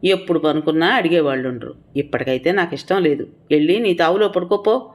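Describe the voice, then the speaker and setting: A tired young mother from a village , read by a woman narrator, scolds in sharp, reproachful tones. Her words come from a storybook reading. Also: deep voice, fast talker, natural voice. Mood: indignant.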